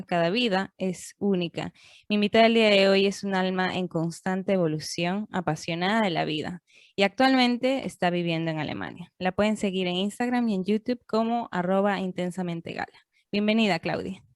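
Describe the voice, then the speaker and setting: A woman's voice: mid-range voice, normal speed, no room sound, clean studio sound. A woman hosting an interview podcast, friendly and reacting with small exclamations. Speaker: podcast host. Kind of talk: casual interview.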